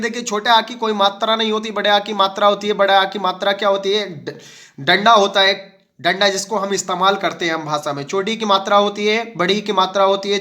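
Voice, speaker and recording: Bright high-voiced male teacher, repeating. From India. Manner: repeats questions to the class and answers them. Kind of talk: exam-prep lesson.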